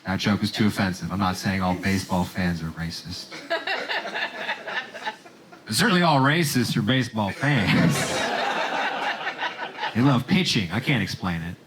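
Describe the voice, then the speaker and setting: A man from Romania performing a stand-up set on a theater stage, with deadpan jokes and quick voiced asides. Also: deep voice, noisy background. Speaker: stand-up comedian. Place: comedy theater stage with live audience. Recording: live stage recording with crowd laughter.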